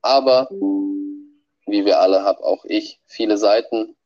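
A man with a cold and a nasal voice, heard as a low-quality audio file played back on a podcast, delivering a prepared message. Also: measured pace, darkish tone, soft background music. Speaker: podcast regular sending a birthday message. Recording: dull lo-fi playback.

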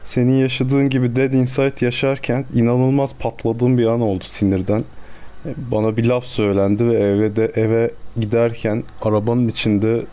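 Man, podcast co-host, warm dark voice, reflective, earnest casual chat. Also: medium pitch, level tone, moderate pace, clear, resonant tone.

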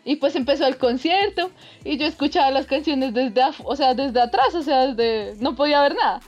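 A woman, co-hosting a podcast and telling a story in an animated way, laughing often. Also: sits high, moderate pace, highs cut off. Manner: animated, laughs often, lively quoted voices. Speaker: podcast co-host. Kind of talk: casual chat, storytelling.

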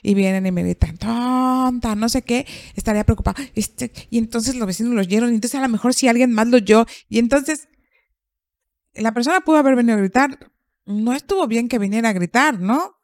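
A woman psychologist, calmly explaining and asking rhetorical questions in a podcast conversation. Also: fairly high pitch, fairly quick, no echo, clean studio sound. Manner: calm, explanatory, asks herself rhetorical questions.

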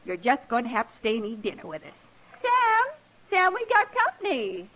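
An actress playing a hospitable but timid rancher's wife in a 1950s radio drama. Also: female voice, on the high side, a little fast, lightly acted, rough recording. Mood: welcoming. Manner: hospitable, then pleading.

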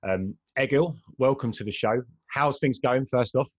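A man hosting a podcast interview, chatty and quick to laugh, often restarting his questions. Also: medium pitch, dull audio. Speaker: podcast host. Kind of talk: casual interview.

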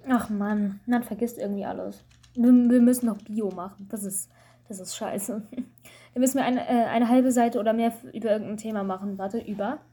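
Husky rambling woman, casual chat. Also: a little high, steady tone, fairly quick, dark tone. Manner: rambling, self-mocking storyteller with frequent fillers. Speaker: student. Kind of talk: casual chat over a call.

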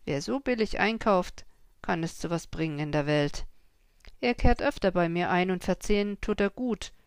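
A gossiping innkeeper who confides his suspicions, as a woman reader puts him on. The voice stays low with a gravelly texture and a dry, close sound. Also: normal speed, no echo, natural voice. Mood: confiding. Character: gossipy innkeeper, middle-aged man.

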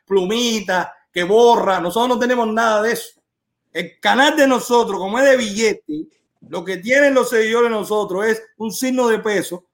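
A man hosting a live stream, arguing insistently and lecturing a caller point by point. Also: high voice.

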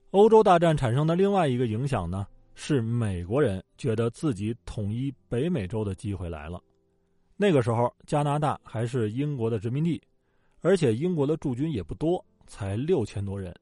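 Here a warm, mid-range male voice recounts history like a relaxed, joking storyteller, tossing in colloquial asides and performing quotes. The close-miked recording is dry with no room sound, though soft background music plays faintly.

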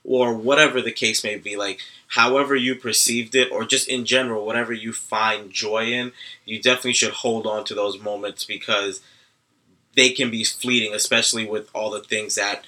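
A man's voice: on the low side, fairly even intonation, moderate pace, pushed and bright. A young man co-hosting a casual chat show, easygoing and thoughtful. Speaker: podcast co-host.

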